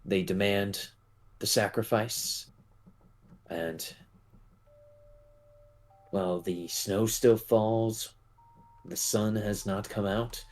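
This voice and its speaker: A man playing a weary, conflicted town official in a tabletop game, speaking in a halting, formal and resigned way. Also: lowish voice, fairly even intonation.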